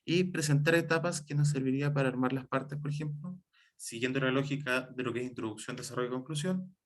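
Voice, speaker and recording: A man teaching a class, explaining each rule slowly with example words and frequent fillers. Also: mid-range voice. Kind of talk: classroom lecture on writing and spelling.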